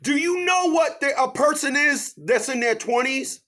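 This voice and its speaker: A man in his fifties giving a preachy motivational monologue, asking rhetorical questions, repeating his catchphrases and swinging from loud, high bursts down to hushed asides. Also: animated, normal speed. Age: 50s.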